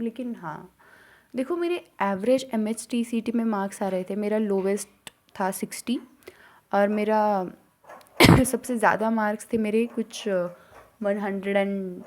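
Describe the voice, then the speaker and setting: A young woman from India, a student vlogger chatting casually to camera and telling a story with animated rushes and soft near-whispered asides. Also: mid-range voice. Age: young adult. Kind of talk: casual chat.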